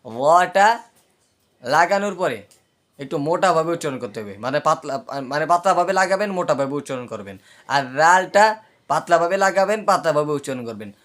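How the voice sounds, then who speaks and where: A man with a somewhat high voice teaches letter sounds in a patient spoken lesson. He drills each sound aloud several times and keeps checking that his listeners follow. His words sometimes catch with a slight hesitancy. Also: expressive, a little fast, a bit bright. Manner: repeats letters aloud and checks understanding often. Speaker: teacher of Arabic letter pronunciation.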